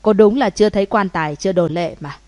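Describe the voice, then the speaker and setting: A woman's voice: mid-range voice, fast, a little mellow, dry recording, lightly acted. A woman voicing a cold, menacing young man who taunts in short, clipped lines in an audiobook.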